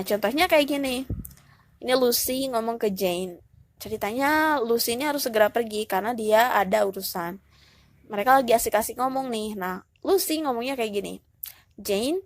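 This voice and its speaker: Woman, English teacher, easygoing step-by-step explainer, slightly high pitch, dry booth sound. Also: moderate pace, no echo. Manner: relaxed, explains step by step, mixing in English phrases. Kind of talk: casual classroom explanation.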